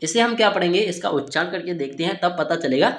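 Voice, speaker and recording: An animated man with a high, quick, slightly bright voice leads a phonics lesson for Hindi speakers. He breaks English words into individual letters, answers the questions he asks, and keeps repeating "ठीक है"; the room adds a noticeable echo.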